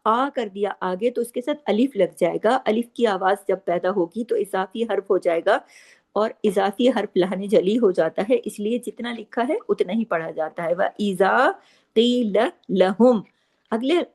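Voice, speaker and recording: Woman, recitation teacher, mid-pitched, patient and explanatory, slow drawn-out recitation of words. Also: lively intonation, darkish tone. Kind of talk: tajweed lesson, explaining and reciting.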